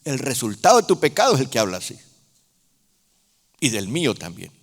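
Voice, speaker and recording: A man preaching a sermon in a Honduran Spanish accent, speaking slowly and emphatically, with sudden loud rises and soft drops. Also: mid-range voice, big pitch swings. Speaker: apostle preaching. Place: large church hall. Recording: reverberant church hall.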